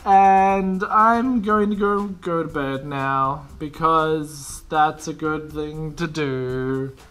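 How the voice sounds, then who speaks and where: A man's voice: fairly high pitch, fairly bright tone. A young man talking casually to his camera in a rambling, self-mocking vlog monologue. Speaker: vlogger.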